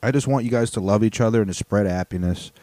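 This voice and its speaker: A man's voice: lowish voice, fast, mellow. A man from the United States, a comedian and podcast host, talking in a loose, laid-back way with many fillers and casual swearing.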